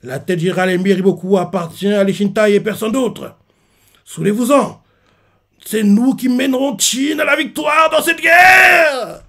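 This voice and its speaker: Man reading a young war captain, stirring speech, high strained voice, gravelly. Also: measured pace, exaggerated voice. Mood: rousing. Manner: rousing, shouted speech. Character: young male army captain rallying his troops.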